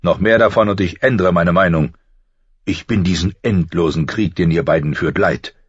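A man voicing a stern, weary noble father in an audiobook, measured and grave. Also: rumbling low, husky, no echo, heavily acted. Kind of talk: audiobook character voice. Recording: slightly muffled dry recording.

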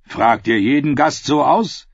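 A man's voice: mid-range voice, a little slow, breathy edge, dry recording, lo-fi sound, voice pushed up. A man reading aloud as a knight who makes wry, sardonic quips. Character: mocking, hungry knight, wry joker.

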